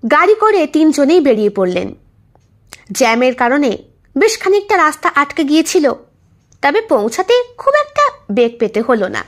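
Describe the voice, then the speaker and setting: High-voiced woman reading a story. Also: big pitch swings, moderate pace, pauses often. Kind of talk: audio story narration.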